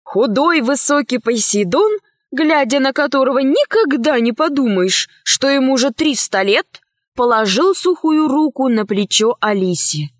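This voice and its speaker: A woman's voice: high voice, expressive, measured pace, no room sound, studio quality. Woman narrating a storybook.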